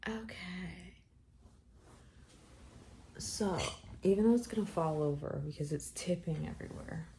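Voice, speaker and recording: A woman's voice: lowish voice, unhurried, mellow, slight background noise. A woman vlogging casually at home, rambling and muttering to herself as she fusses with a tripod-mounted camera. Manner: scattered, self-deprecating, muttering to herself.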